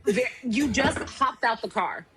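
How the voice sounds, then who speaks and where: A woman co-hosting a podcast in casual chat, chiming in with quick reactions and frequent agreement sounds. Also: fairly high pitch, big pitch swings, over a noisy crowd. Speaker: podcast co-host.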